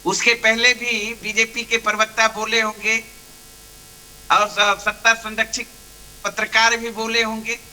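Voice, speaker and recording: A man speaking as a party spokesperson in a heated television panel debate. His voice sits high and rings very bright, even a little sharp. He argues insistently and keeps pressing to be heard. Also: unhurried, slight background noise. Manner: insistent, argumentative, repeats pleas to be heard.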